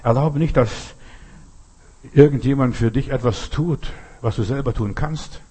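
A man's voice: mid-range voice, a little slow, dark tone, slightly rough. A man preaching a sermon in an earnest, repetitive way, speaking straight to his listeners.

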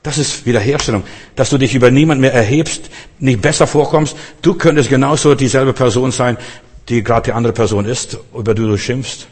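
Man, preacher, husky voice, earnest sermon, long hall reverb. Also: mid-range voice, brisk, a little mellow. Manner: earnest, repeats phrases, addresses listeners directly.

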